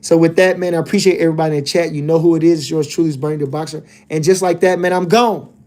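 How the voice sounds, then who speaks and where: A male livestream host and boxing commentator with a slightly higher, darkish voice chats casually while reading comments, in a steady tone at a rapid-fire pace. He's laid-back, and his fight talk is loose and rambling, with lots of "you know what I'm saying".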